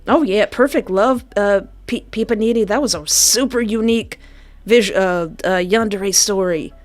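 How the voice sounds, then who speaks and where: Over soft background music, a female livestream host and game developer talks at a moderate pace in a mid-range voice. She's effusive and informal, reacting out loud to her viewers' chat messages.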